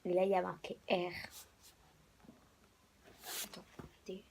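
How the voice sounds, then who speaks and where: Hoarse young woman rambling. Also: fairly low pitch, completely flat delivery, slow pace, a little mellow. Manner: rambling, many fillers, drops to whispers. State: hoarse, a bit sick. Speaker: vlogger. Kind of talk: casual sneaker show-and-tell.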